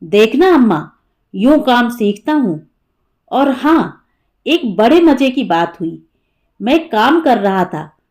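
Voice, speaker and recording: A woman's voice: a little high, very animated, slow pace, pauses often, darkish tone. A woman voicing an earnest, playful young man who pleads with his mother in an audiobook story. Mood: cheerful. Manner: eager, then pleading.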